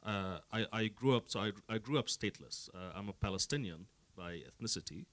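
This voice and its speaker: Deep, earnest man from the Emirates. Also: animated, a little fast, a bit bright, no echo. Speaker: panel guest, activist. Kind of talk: panel discussion answer.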